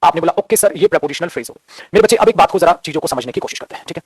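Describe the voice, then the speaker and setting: Fast-talking husky male grammar teacher. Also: a little high, animated, darkish tone, dry recording. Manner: scolding, fatherly, keeps calling students "beta". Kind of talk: classroom grammar lecture.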